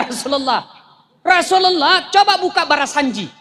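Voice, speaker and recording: A high-pitched male preacher delivers a sermon laced with jokes. He tells his stories with animated, playful timing, and his voice sits high for a man. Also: normal speed, slight background noise. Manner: animated joking storyteller. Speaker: Islamic preacher. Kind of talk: humorous sermon.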